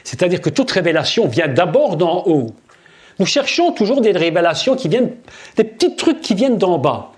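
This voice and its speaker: A man's voice: sits high, sing-song, moderate pace, darkish tone. A man preaching a sermon at a seminar, emphatic, repeating key phrases and addressing his listeners directly.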